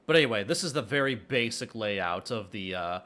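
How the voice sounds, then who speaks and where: A man's voice: fairly low pitch, animated, a little fast, sharp tone. A young man streaming his game development work in a casual, rambling chat. He fills his talk with hesitations, tells jokes and reads chat questions aloud. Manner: rambling, full of filler sounds and restarts. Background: faint background music.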